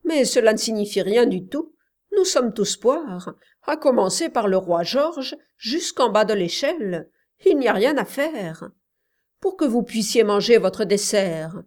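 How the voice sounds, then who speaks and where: A woman voicing an exasperated man of letters who lectures with sharp, impatient questions. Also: fairly high pitch, lively intonation, a little slow.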